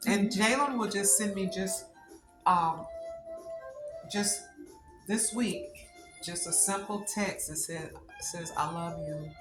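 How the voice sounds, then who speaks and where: A woman's voice: mid-range voice, takes it slowly, long pauses. A middle-aged woman chatting with her family, telling stories about her son with many fillers. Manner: warm storytelling with fillers. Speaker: mother being celebrated. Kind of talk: casual family chat. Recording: roomy echo, music behind.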